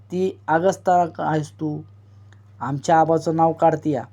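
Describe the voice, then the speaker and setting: A woman's voice: deep voice, steady tone, a little slow, dark tone. A man reading the lines of a stern, plain-spoken rural village woman in a storybook reading. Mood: scolding.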